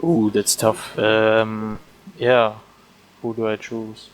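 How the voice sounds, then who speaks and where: A man's voice: fairly low pitch, completely flat delivery, takes it slowly, poor audio. A man co-commentating a sim race, hesitant and thinking aloud with many ums. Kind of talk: live sim racing commentary.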